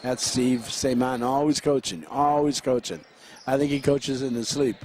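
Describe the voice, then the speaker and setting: A man calling play-by-play for a high school basketball game, running through quick action with frequent fillers and restarts. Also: fairly even intonation, darkish tone, slight background noise. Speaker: play-by-play announcer.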